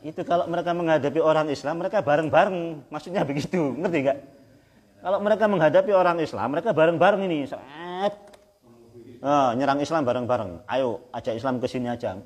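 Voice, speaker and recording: A man preaching a Quran exegesis lecture in a conversational way, often checking with his listeners and chanting verses slowly. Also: fairly high pitch. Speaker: Islamic preacher. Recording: hall with long reverb.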